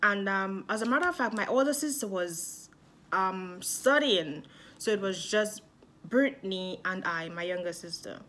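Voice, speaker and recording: A young woman from Dominica with a Dominican accent, telling a personal story to her viewers in a chatty, animated vlog. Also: medium pitch, a little slow. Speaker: vlogger.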